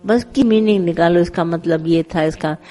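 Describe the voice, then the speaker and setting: A woman's voice: on the low side, moderate pace, warm tone, faint music behind, poor audio. A middle-aged woman leading a devotional satsang, talking in a conversational way to her followers, telling parables and slipping English words into her speech. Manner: conversational, tells parables with acted quotes, mixes English words. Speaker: spiritual teacher leading satsang.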